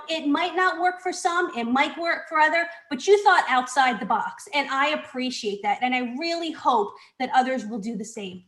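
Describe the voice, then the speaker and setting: A mother speaks up on a video call, earnest and emotional, pressing her point. Her voice sits high. The room around her rings with echo. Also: fairly bright tone. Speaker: parent speaking at public comment. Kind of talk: public comment on a video call.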